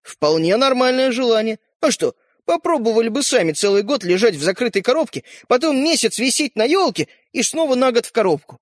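A man voicing a tiny, boastful and sly living toy boy in a storybook, cheeky and excitable. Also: very high-pitched, a little fast, few pauses, no room sound, studio quality, voice pushed up.

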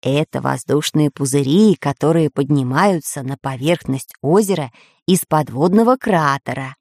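A calm, learned old professor from a children's story, put on by a woman reader. He explains slowly and soothingly in a voice pitched well below her own. The recording is dry and close. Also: dry recording. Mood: reassuring. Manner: slow, lowered, reassuring explaining. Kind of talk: children's audiobook voice acting.

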